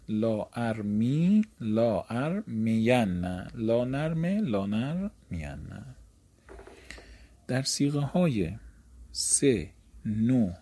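Guy teaching grammar, kinda husky low voice, says the forms slow then rushes the explanation. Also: mellow. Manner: drills word forms slowly, then explains quickly. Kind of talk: Arabic grammar lesson.

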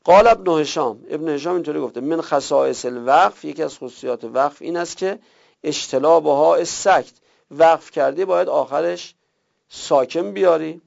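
Man, classroom grammar lesson, rough gravelly tone, muffled lo-fi recording. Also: on the high side, a little mellow. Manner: reads Arabic text aloud then explains it in colloquial Persian. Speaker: teacher of Arabic grammar. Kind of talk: seminary-style grammar lesson. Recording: dull lo-fi recording.

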